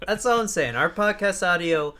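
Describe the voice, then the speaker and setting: Speaking into a close USB desk mic on an arm, this podcast co-host talks in a loose, rambling, joking manner. His high-pitched voice is expressive and moves at normal speed, with a loud crowd audible.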